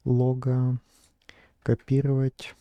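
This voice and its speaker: A man's voice: medium pitch, completely flat delivery, takes it slowly, no room sound, highs cut off. A man narrating his screen as a vlogger, thinking aloud in a hesitant way with many fillers. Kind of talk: casual screen-recording narration.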